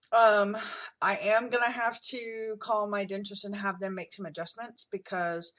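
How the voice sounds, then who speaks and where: A middle-aged woman vlogger chats casually in a video diary, full of fillers and restarts, and sometimes talks while eating. Her voice is mid-range and fairly bright.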